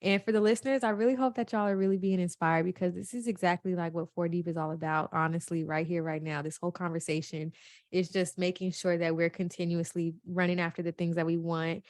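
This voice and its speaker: A woman's voice: lowish voice, fairly even intonation, fast talker, a little mellow, dry recording. A woman, talking in a heartfelt, emotional way, close to tears. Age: 20s. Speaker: podcast co-host. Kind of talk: casual chat.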